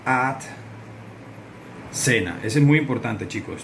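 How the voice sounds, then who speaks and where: A man's voice: mid-range voice, fairly bright tone. Guy teaching english grammar on video, talks straight to the students, a bit of faint noise behind. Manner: explanatory, addresses students directly. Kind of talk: recorded video lesson.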